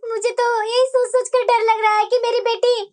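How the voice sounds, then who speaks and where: Brief: a woman doing a very high, nagging cartoon mother-in-law, quick to anger. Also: flat delivery, a little mellow. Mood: worried. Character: bossy scolding middle-aged mother-in-law. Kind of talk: cartoon voice acting.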